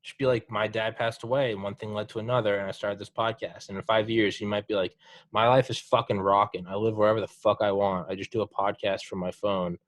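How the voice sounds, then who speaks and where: A young man hosting a podcast, chatting casually with a guest, swearing freely and telling stories with animated encouragement. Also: fairly low pitch, brisk, dry recording. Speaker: podcast host. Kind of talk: casual chat.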